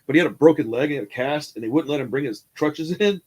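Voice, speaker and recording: A man co-hosting a relaxed hangout stream, racing through a profane anecdote at a brisk clip. His voice sits a bit high for a man, and he jumps into animated impressions of the people he describes. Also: husky. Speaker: podcast co-host. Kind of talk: casual storytelling.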